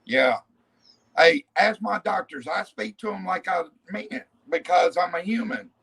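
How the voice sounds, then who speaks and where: A man telling loud, profane, animated stories in a casual group chat. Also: sits high, measured pace, gravelly, slightly rough, rough recording. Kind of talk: casual storytelling.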